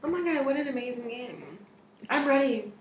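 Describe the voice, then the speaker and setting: A woman's voice: sits high, animated, moderate pace, echoey room, slight background noise. A young woman co-hosting a casual chat, giggling often and sometimes talking while eating. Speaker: co-host.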